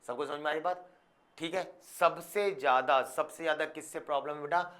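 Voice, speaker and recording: A biology classroom lecture comes from a man with a fairly high, fairly bright voice, a steady tone and a moderate pace. He keeps checking that students understand, calls them "beta", and uses English scientific terms as he explains.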